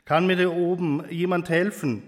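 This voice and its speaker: A man's voice: high-pitched, steady tone, moderate pace, voice pushed up, natural voice. A man reading aloud the pleading lines of a desperate man dangling from a cliff, in a reverberant church hall.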